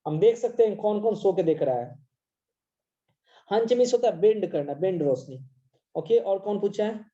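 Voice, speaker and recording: An online English teacher in a live class, explaining and constantly checking that students follow, reading English lines slowly. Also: mid-range voice, lively intonation, dark tone, highs cut off. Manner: mixes Hindi and English, constantly checks understanding.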